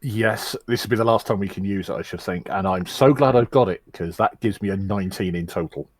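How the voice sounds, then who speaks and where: Man, tabletop player, husky mid-range voice, dry sound, informal delivery. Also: low-pitched, a little fast, no echo. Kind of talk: casual game chat.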